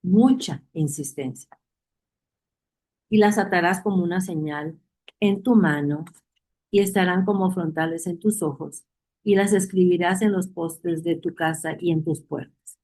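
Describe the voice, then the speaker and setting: Woman Bible teacher, mellow warm tone, repeats points, quizzes the class. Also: on the low side, unhurried, rough recording. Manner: reads verses aloud and asks the class questions; repeats key phrases for emphasis.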